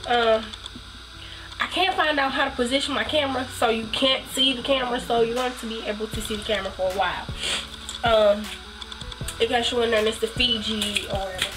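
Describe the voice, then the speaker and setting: A woman with a stuffed-up nose chats her way through a tutorial at home in a slightly high voice. She rambles easily and fills her pauses with ums. Music plays clearly in the background while she talks to the camera. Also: poor audio. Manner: chatty, rambling, many ums. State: stuffy from a cold. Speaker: hair vlogger. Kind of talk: casual tutorial chat.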